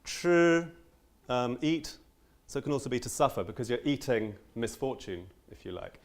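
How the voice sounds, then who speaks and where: Young male teacher, earnest conference speaker, mid-pitched, lots of ums and restarts. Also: lively intonation, brisk. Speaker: language teacher giving a conference talk. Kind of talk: conference talk.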